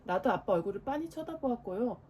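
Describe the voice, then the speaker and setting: Expressive mother reading a bedtime story. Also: a little high, fast talker, a little hiss or hum. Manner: expressive, lively character voices. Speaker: mother reading to her children. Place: home at bedtime.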